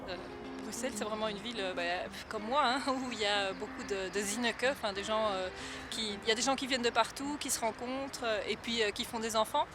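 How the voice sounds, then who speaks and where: A woman giving a documentary interview, thoughtful and hesitant with many pauses. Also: on the high side, fairly even intonation, music in the background. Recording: clear street noise behind.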